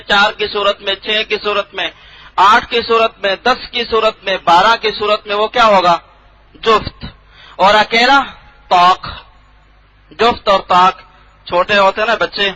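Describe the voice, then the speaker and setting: A high, bright-toned man teaches a Quran translation class in a room with no board. He stops often to quiz the students and says each word again slowly. The recording is dull and lo-fi. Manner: drills students with questions and repeats words slowly.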